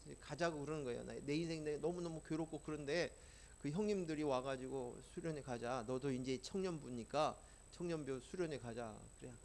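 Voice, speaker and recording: A man's voice: on the high side, a little fast, creaky, few pauses, a little mellow. A man preaching a sermon, telling a personal testimony in an earnest storytelling way that rises in emphasis. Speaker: pastor.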